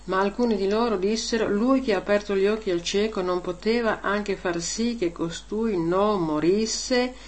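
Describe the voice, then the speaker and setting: A woman with a mid-pitched voice reads scripture steadily, then preaches. She rises in pitch and volume on key words and often checks in with the listeners with a short question tag. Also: normal speed, few pauses. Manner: emphatic, rising loud on key words, frequent "eh?" tags. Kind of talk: Gospel reading then homily.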